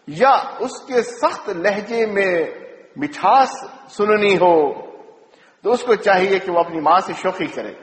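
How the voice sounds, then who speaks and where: A man giving an emotive sermon, telling stories and slowing down for emphasis. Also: sits high. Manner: storytelling, emotive, slows for emphasis. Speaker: preacher. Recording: echoey hall.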